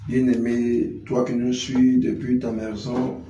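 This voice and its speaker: A man's voice: medium pitch, flat delivery, slow, dark tone, slight background noise. A man preaching on radio, solemnly addressing listeners at home. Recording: echoey room, a bit far from the mic.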